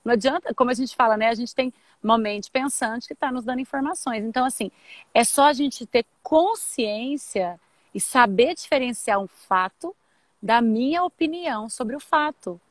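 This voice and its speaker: A woman's voice: fairly high pitch, normal speed, no room sound. A woman explaining ideas in a casual teaching chat, thinking aloud and often restarting her sentences. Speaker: co-host explaining nonviolent communication.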